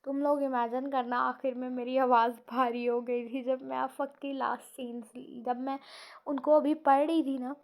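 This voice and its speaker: A woman with a high voice talks casually about her own novel, rambling along and stopping to correct herself mid-sentence. She sounds tired and sleepy. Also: little pitch movement, a little mellow. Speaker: novel writer.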